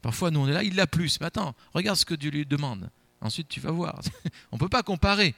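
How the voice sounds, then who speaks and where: Man, preacher, Bible reading and sermon, fairly high voice, emphatic swells, dry close recording. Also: animated, brisk, creaky, fairly bright tone, no echo. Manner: emphatic, rising and falling delivery with repeated words.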